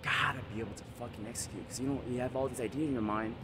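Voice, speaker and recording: A man's voice: mid-range voice, fairly even intonation, rapid-fire, heavy background noise. A man vlogging motivational advice in a boastful, hyped way, swearing freely. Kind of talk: casual motivational monologue.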